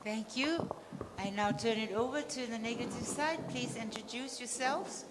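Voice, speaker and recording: A woman's voice: fairly high pitch, normal speed. A woman chairing a debate with formal announcements. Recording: echoey hall with faint background noise.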